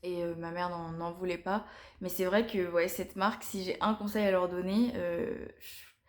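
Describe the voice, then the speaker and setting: A young woman reviewing beauty products to camera in a casual, chatty way, often pausing and restarting her sentences. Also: on the low side, fairly even intonation. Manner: chatty and hesitant, frequent pauses and restarts. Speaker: beauty vlogger.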